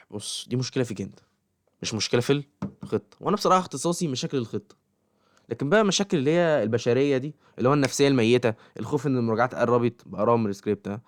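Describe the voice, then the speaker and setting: Very fast-talking Egyptian man. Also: mid-range voice. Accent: Egyptian Arabic. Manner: keeps checking in with the listener, talks straight at them. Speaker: YouTuber giving study advice to students. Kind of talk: casual advice monologue.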